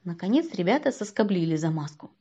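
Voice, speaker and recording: Expressive woman reading a children's story. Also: lowish voice, a little fast, husky. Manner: expressive, shifting between loud and hushed. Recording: dull lo-fi recording.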